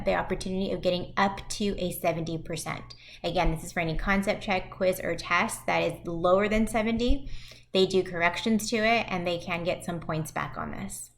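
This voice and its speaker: A woman in her thirties, a high school math teacher, walking parents through class web pages in a recorded virtual presentation. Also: fairly bright tone, slight background noise.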